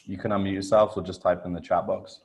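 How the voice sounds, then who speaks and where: Deep-voiced man with a British accent. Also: level tone, fast talker, gravelly. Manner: informal, checks in with listeners. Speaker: breathwork coach leading a workshop. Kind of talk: casual explanatory talk on a group video call. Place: online group video call.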